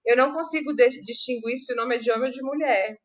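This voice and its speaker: A woman from Brazil, a podcast guest telling lively anecdotes with laughter in casual conversation. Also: a little high, quick pace. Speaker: podcast guest, humanitarian pharmacist. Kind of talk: casual storytelling.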